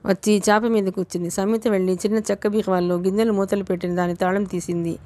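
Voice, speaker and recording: A woman reading a novel aloud as an audiobook narrator, in a steady, measured storytelling manner. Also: mid-range voice.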